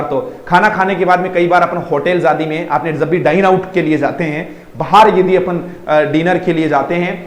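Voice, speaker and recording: A man teaching English vocabulary in an online class. He speaks Indian English, mixes in Hindi, slows down to repeat words and keeps asking the students whether they are following. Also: high-pitched, echoey room, rough recording. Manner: addresses students affectionately as dear children.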